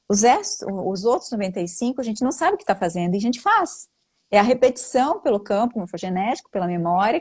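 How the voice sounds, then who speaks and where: A woman, a family constellation facilitator, explains things earnestly and like a teacher during a live-stream talk. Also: a little mellow. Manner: earnest, teacherly, with frequent rising pitch jumps.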